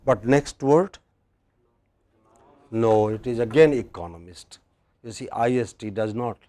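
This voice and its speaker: A man's voice: mid-range voice, unhurried, mellow, no echo. A man teaching English pronunciation in a lecture, patient, repeating phrases and checking that the class follows.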